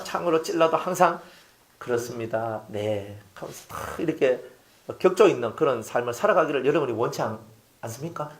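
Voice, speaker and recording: A middle-aged male pastor who preaches a sermon, acts out quoted speech and keeps asking the congregation questions. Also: fairly high pitch.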